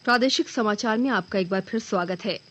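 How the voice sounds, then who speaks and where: A woman news anchor reading a scripted regional bulletin in a formal, measured manner. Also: mid-range voice, fairly bright tone.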